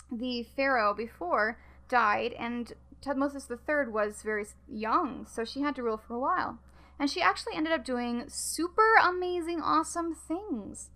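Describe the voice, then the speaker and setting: A woman hosting a podcast in a casual, chatty way, often laughing and filling pauses with ums and uhs. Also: a little high, a bit bright. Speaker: podcast host. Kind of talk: casual chat.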